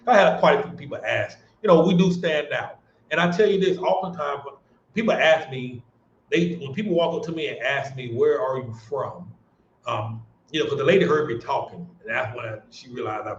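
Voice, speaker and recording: A man's voice: medium pitch, slight background noise. Man, American accent, casual livestream host, earnest, rambling, many restarts, roomy dull audio. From United States.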